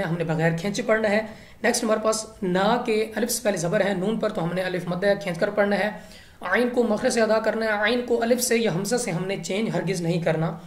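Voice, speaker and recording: A woman teaching Quran recitation rules in a patient, step-by-step way. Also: medium pitch. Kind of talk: recitation lesson. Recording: echoey room.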